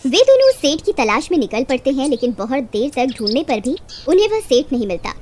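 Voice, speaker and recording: Female storyteller for scripted children's tales; high pitch, very expressive intonation. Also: brisk, slight background noise.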